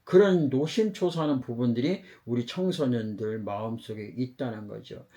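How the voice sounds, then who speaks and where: A man's voice: medium pitch, normal speed, warm tone. A middle-aged man hosting a podcast, telling an emotional story about fatherhood in an earnest, impassioned way.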